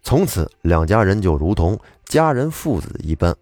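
Lively, low-voiced male storyteller. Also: moderate pace, dry recording, clean studio sound. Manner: chatty, animated, colloquial asides. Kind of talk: casual storytelling of old tales.

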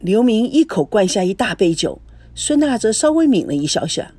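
Lively woman narrating a storybook. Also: mid-range voice, normal speed, dry recording.

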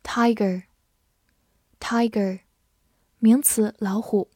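A woman teaching English words in Chinese, spelling each word out letter by letter and reading example sentences slowly. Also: a little high, mellow, dry recording, studio quality. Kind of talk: vocabulary lesson.

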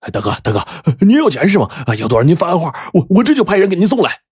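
A man's voice: high-pitched, wildly swooping pitch, racing, a little mellow, slightly rough, no room sound, clean studio sound, voice pushed up, exaggerated voice. A man voicing a frightened father who stammers and begs. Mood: pleading. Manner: stammering, pleading. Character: scared, groveling middle-aged father.

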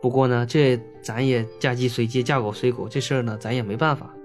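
A man's voice: mid-range voice, steady tone, fast talker, soft background music, natural voice. A man voicing a poor, remorseful old mother who soothes and coaxes her dead daughter. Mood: pleading remorse. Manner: coaxing, soothing pleading.

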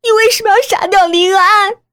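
A woman's voice: very high-pitched, fairly even intonation, normal speed, a bit bright, voice pushed up. A shrieking, hysterical young woman. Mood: hysterical accusing. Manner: screaming accusations. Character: young woman, distraught daughter, hysterical and shrill.

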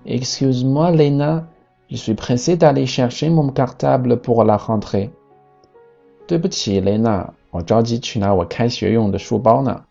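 A man voicing an excited little male monkey in a storybook, with an eager, high, chirpy way of talking. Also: unhurried, gravelly, highs cut off, soft background music.

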